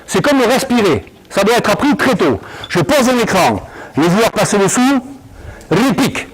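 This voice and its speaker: A male basketball coach running an on-court session, explaining drills and barking quick commands at players. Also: high-pitched, very animated, breathy edge, low-quality recording.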